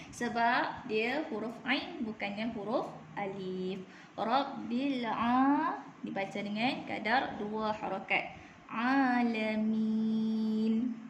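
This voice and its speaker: A Malaysian woman leads a Quran recitation lesson. She talks in a slow, fairly high voice, drilling each word patiently. The room echoes around her, with a faint hum behind. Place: room at a clinic.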